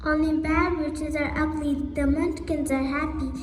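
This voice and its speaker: A young woman in a school play voicing a kindly good witch, gentle and a little muddled, with a reassuring way of speaking. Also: high-pitched, level tone, normal speed, slight background noise, lightly acted. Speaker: school skit actor. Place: school stage. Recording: echoey hall from far off.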